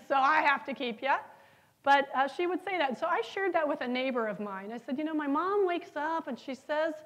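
Speaking at a normal speed with a voice that sits high, a middle-aged woman gives a conference keynote on stage in a large hall. Her style is lively storytelling, punctuated by questions to the audience.

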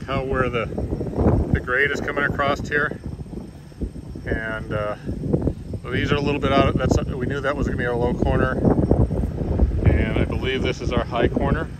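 Regular-pitched guy explaining stuff at a build site on his phone, trails off a lot, really noisy outside. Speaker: builder narrating a barn build. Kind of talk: casual on-site walkthrough. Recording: loud outdoor noise. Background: heavy outdoor noise.

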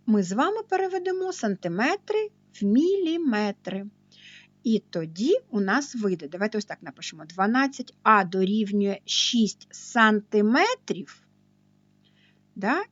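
A woman math teacher giving a slow, patient, step-by-step video lesson. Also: medium pitch, no room sound, highs cut off.

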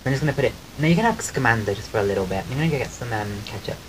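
A man with a soft voice that people often take for a woman's, chatting casually on a live stream at home and thanking his viewers. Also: mid-range voice, expressive, very fast. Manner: chatty and rambling, thanks viewers while eating. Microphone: desk microphone. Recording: clear background noise on the stream mic.

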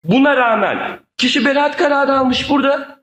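High-pitched, insistent male councillor in echoey hall. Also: animated, moderate pace, a crowd in the background. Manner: argumentative, insistent, repetitive. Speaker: council member. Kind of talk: heated political debate. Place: large indoor meeting hall.

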